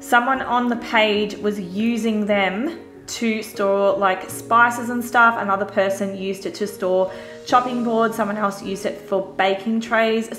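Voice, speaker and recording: A chatty vlogger narrates a casual shop-with-me voice-over about her store haul, relaxed and easygoing, with lots of little fillers. Her voice sits at an ordinary middle pitch, and the roomy recording has faint music underneath.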